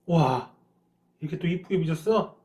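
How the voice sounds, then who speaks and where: A young woman filming her mother cooking at home, asking chatty questions and murmuring soft agreement. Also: fairly low pitch, normal speed. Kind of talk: casual cooking chat. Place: home kitchen.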